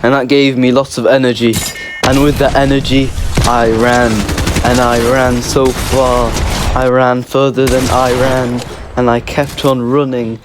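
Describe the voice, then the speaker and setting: An Egyptian man who hosts YouTube gaming videos tells a story in a casual storytime clip, rambling playfully and often correcting himself and restarting sentences. His voice is medium-pitched, flat and unhurried, against a noisy background.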